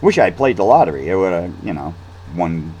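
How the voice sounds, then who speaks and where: A man's voice: deep voice, big pitch swings, a little fast, dark tone, husky, dull audio. A man telling a story in a casual, rambling monologue, with restarts and fillers. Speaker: vlog host.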